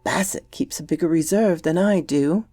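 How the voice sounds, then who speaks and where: A woman's voice: deep voice, moderate pace, mellow, no echo, faint music behind. A woman voicing a grave, polite young boy who speaks earnestly and insistently in a storybook reading. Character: earnest, secretive young boy, gravely confident about betting.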